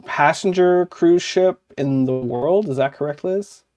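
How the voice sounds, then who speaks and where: A man's voice: fairly high pitch, unhurried, a little mellow. A man co-hosting a podcast in a casual, chatty way. He rambles, fills his talk with "like" and often corrects himself mid-sentence. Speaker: podcast co-host.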